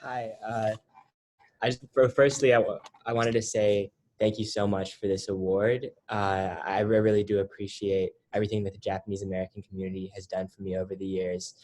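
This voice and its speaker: Young man, low voice, flat delivery, stumbling restarts, grateful speech, video call. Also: brisk, a little hiss or hum. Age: young adult. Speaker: scholarship recipient. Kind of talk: thank-you speech.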